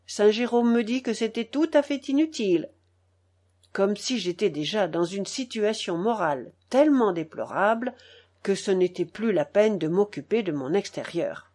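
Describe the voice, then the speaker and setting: A woman narrating a novel in a measured, expressive audiobook reading. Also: mid-range voice.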